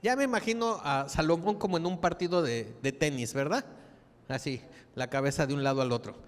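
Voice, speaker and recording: A man preaching a lively, joking sermon, often asking the congregation questions. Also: a little high, a little fast, in a large hall. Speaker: pastor. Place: church.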